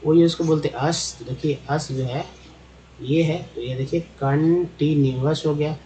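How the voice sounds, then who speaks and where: A man's voice: fairly high pitch, steady tone, a little slow, dark tone, a little hiss or hum, low-quality recording. A man teaches English spelling and pronunciation from slides, drilling each sound several times and calling his viewers friends.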